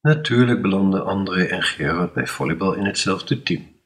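Low-voiced man reading a children's story. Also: moderate pace, distant mic. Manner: lively, expressive reading. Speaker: author reading his story.

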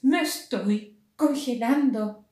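A woman's voice: on the high side, takes it slowly, mellow. A woman voicing a cold, complaining male toad in a storybook reading, with a plaintive manner. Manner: plaintive, grumbling. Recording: roomy echo.

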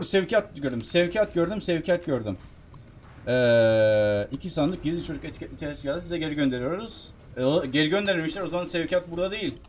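A man giving casual, chatty commentary while playing a video game, excitable, bursting into shouts. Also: a little high, a little hiss or hum. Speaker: game streamer.

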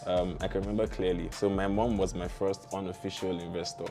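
Over music, a young adult tech founder with a Nigerian accent tells casual stories full of slang as an interview guest. He's seated in a small curtained indoor studio, speaking fairly quickly in a low, level, creaky voice.

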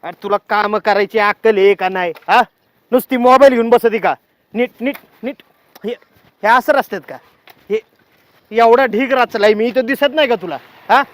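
A man's voice: sits high, moderate pace, no room sound, natural voice. A man playing a bossy, nagging village husband. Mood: scolding. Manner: nagging, barking orders, repeats words. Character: bossy scolding village husband, middle-aged. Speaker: actor. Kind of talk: village short-film acting.

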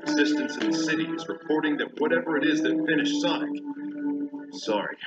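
A commanding echidna leader in a game cutscene, blunt and wisecracking, lively, slightly high, music under. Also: male voice, a little fast, muffled recording. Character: Knuckles, a gruff, blunt echidna resistance leader. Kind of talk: video game cutscene dialogue. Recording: game audio from a distance, with music.

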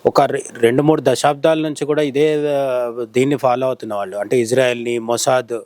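A journalist from India, interviewed as a commentator, gives informal news analysis in conversation, explaining and often rephrasing as he goes. His mid-range voice is steady, fairly quick and a little mellow, with no room sound.

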